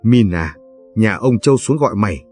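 A man reading aloud, voicing a frail, deaf, half-blind old village man who talks slowly and sounds puzzled. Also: lowish voice, animated, a little mellow, soft background music, lightly acted. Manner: slow and puzzled.

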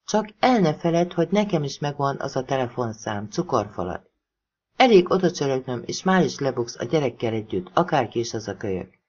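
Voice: medium pitch, very animated, a little mellow, breathy edge, lo-fi sound. A narrator voicing a hard, threatening man on the phone in an audiobook reading. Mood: menacing. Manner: hard and menacing.

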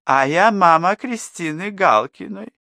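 Chatty, high, friendly mother, gossipy, middle-aged, voiced by a man. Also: lively intonation, measured pace, gravelly, bright, forceful tone, no echo, clean studio sound, heavily acted. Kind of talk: audiobook character voice.

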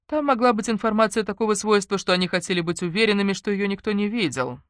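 A woman narrator voicing a composed middle-aged woman explaining in a measured way. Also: mid-range voice, no echo, clean studio sound, lightly acted.

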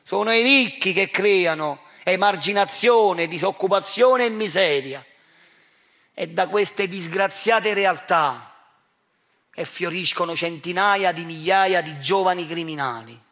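In a high-pitched, sharp voice and a slightly slow pace, a Neapolitan-accented actor performs a monologue he wrote. He addresses the audience head-on, provocatively firing rhetorical questions at them.

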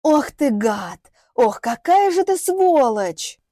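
A furious young mother from an audiobook, shrieking and scornful, her voice pitched up and loud, as the narrator puts her on. The reading is dry and close-miked. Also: expressive, unhurried, slightly rough, dry recording. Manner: shrill, scornful shouting.

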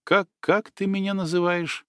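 A man reading the lines of a bitter, prickly young village woman who speaks in a sharp, scornful way. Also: high-pitched, level tone, moderate pace, clean tone, dry recording, clean studio sound, pitched above the performer's own voice, lightly acted.

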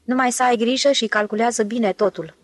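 A woman's voice: a little high, no echo, close to an everyday voice. A woman doing Ostap Bender, a smug suave con man. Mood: boastful. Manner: lofty, self-assured, condescending.

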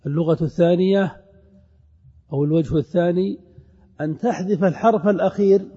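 Dark-voiced man teaching in an echoing hall. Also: high-pitched, husky. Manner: stretches out recited verses and examples slowly, with emphasis; addresses students directly. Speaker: teacher of grammar. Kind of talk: classroom grammar lesson. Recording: reverberant hall, dull lo-fi sound.

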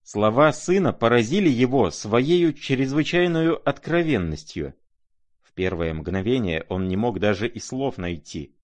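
A man narrating a classic novel as an audiobook, dramatic and measured. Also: mid-range voice, expressive, darkish tone.

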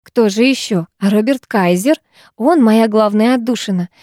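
A cooing, solemn middle-aged chemistry teacher, as a woman reads her out in a storybook. She gushes with pride in a mellow, warm tone. The sound is close and dry. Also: a little high, a little slow, no room sound, close to an everyday voice. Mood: gushing.

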